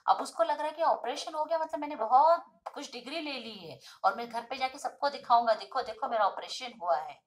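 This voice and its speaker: A woman tutor explaining a school lesson. She reads each line, then explains it simply in an animated storytelling way. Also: high-pitched, a little fast, hardly any pauses.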